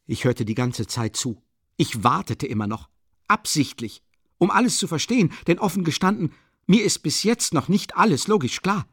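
Brief: a man voicing a high, shrill young zealot, vehement and wildly lively, dry close audiobook sound. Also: normal speed, hardly any pauses, no room sound. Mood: indignant. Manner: shrill, vehement, repeating himself. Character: young earnest indignant male idealist.

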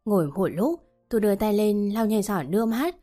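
A woman narrating a first-person story in a calm, steady reading voice. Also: medium pitch, a little fast, soft background music.

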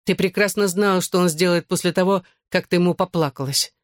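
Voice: mid-range voice, fairly even intonation, a little fast, dry recording, studio quality, lightly acted. A reader voicing a blunt, mocking teenage girl in an audiobook. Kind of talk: audiobook character voice.

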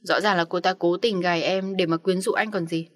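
A woman's voice: on the low side, steady tone, brisk, close to an everyday voice. A woman voicing a scheming young woman who whines and blames others in an audiobook story. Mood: whiny accusing. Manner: whining, blaming.

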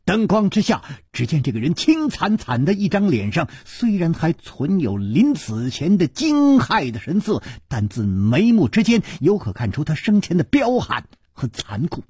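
A man narrating a martial-arts story in a dramatic, measured traditional storytelling style. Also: fairly high pitch, wildly swooping pitch, darkish tone, slightly rough, dry recording, clean studio sound.

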